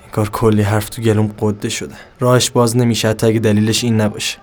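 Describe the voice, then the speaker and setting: A man's voice: lowish voice, flat delivery. Brooding man in a bitter monologue. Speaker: narrator of an audio drama. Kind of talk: introspective dramatic monologue.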